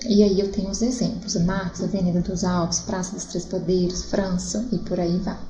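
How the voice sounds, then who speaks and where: A woman's voice: mid-range voice, dark tone, echoey room, rough recording. A Brazilian woman teacher explaining a grammar lesson, often checking in with her students as she goes. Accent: Brazilian Portuguese. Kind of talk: recorded classroom lesson.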